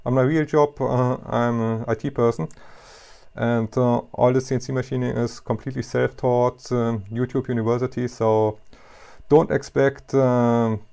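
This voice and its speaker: A middle-aged man with a German accent, a non-native English speaker, talking casually and haltingly to camera about his hobby machining in his basement workshop. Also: medium pitch, level tone, vocal fry, warm tone, smooth. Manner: halting, many fillers, self-deprecating. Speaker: YouTuber, hobby CNC machinist.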